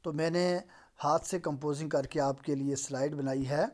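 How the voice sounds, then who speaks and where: A man's voice: on the high side, steady tone, darkish tone. A man lecturing in a recorded lesson over slides, repeating and translating each sentence step by step. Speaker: Persian lecturer.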